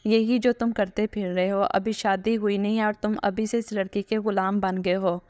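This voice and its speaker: A woman's voice: mid-range voice, little pitch movement, normal speed, darkish tone, dry recording, lightly acted. A woman voicing an angry middle-aged mother who scolds her son, in a read-aloud story.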